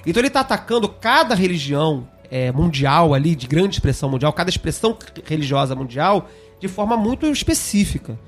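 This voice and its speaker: A man hosts a relaxed discussion, thinking aloud and circling back over his points. His voice sits a bit high. Soft music plays faintly underneath. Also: a little fast. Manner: thinking aloud, repeats himself, conversational. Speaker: podcast host. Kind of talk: casual discussion of an esoteric text.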